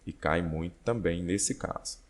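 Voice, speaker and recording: Male exam tutor, Brazilian accent, low voice, patient step-by-step explainer. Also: unhurried. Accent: Brazilian Portuguese. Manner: explanatory, checks in with "ok?" and "né?". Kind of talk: online exam-prep lesson.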